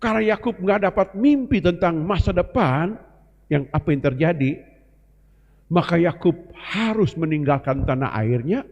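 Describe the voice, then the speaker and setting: A man's voice: on the high side, lively intonation, moderate pace, gravelly, darkish tone. A male pastor preaching a sermon to a congregation, often addressing them directly as brothers and sisters. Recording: long reverb, dull lo-fi sound, live broadcast.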